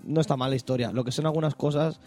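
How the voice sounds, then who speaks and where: Man, casual gaming chat, fast, warm low timbre, self-correcting. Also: steady tone, faint music behind. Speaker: podcast co-host.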